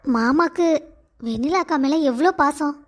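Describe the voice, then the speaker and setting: A woman's voice: sits high, normal speed, lightly acted. A woman voicing a worried, earnest young daughter-in-law in a cartoon story.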